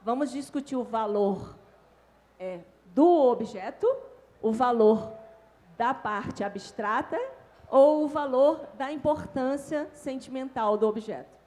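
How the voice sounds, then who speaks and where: A woman with a Brazilian Portuguese accent giving an animated talk on communication at a conference panel. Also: high voice, takes it slowly. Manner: animated, demonstrates tones with her own voice. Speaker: invited speaker on communication. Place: hotel conference stage.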